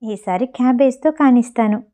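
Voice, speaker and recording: A woman's voice: fairly high pitch, moderate pace, mellow, natural voice. A woman voicing a flustered young heroine.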